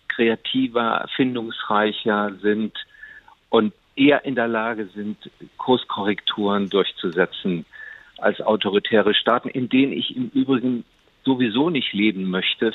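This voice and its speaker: A man giving a measured, argumentative interview answer. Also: fairly low pitch, no echo. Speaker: interview guest. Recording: phone-line interview.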